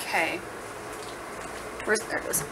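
Bright and forceful in tone, a woman keeps a measured pace as she cooks at home and chats in a loose, playful way, thinking aloud for her vlog. The kitchen is noisy, with food sizzling.

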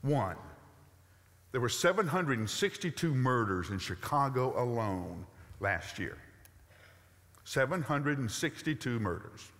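An older pastor with a Southern US accent delivers a lively sermon from a large stage, pacing and gesturing as he drives home rhetorical questions. His mid-pitched voice rings out with the long reverb of a big sanctuary. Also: a little slow.

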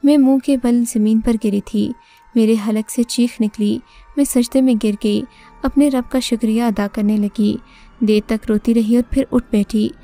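A woman's voice: fairly high pitch, fairly even intonation, dark tone. Dramatic woman narrating horror. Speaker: storyteller. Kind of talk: scripted first-person horror narration. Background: faint music.

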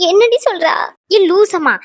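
A woman's voice: very high-pitched, measured pace, dry recording, clean studio sound, voice pushed up. A woman voicing a bewildered, fretful mother in a cartoon dub, wailing and exclaiming.

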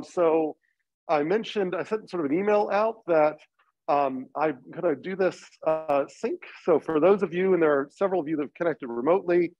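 Wearing a face mask and still recovering from a cold, a higher-voiced male university lecturer gives an informal, halting introduction to his course in a lecture classroom. His tone is darkish, with no echo, and the recording comes across slightly dull and muffled.

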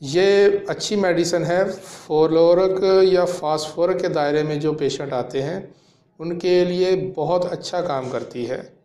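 A man in his thirties, a homeopathic practitioner, explaining a medicine to camera in a measured way with frequent fillers, in a small room. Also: on the high side, warm tone. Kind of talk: educational talk to camera. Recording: echoey room.

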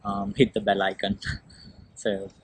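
A man chatting casually to his phone camera for a vlog, relaxed and full of ums, with a small laugh now and then. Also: lowish voice, unhurried. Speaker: vlogger. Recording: noisy street phone recording.

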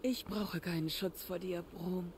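Game role: a protective sister, soft and earnest, light background noise. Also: female voice, on the low side, fairly even intonation, a little slow. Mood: gentle.

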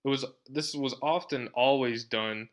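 A man's voice: mid-range voice, a little slow. A man giving a university lecture in a conversational way, often checking in with "right?" and using a sarcastic tone. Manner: conversational, frequent tag question "right?".

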